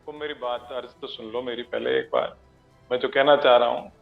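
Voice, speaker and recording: A man making measured, rhetorical points as a panelist in a TV debate. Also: mid-range voice, fairly even intonation, vocal fry, narrow, tinny audio, soft background music. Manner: measured, rhetorical, formal address. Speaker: political panelist. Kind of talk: TV debate argument.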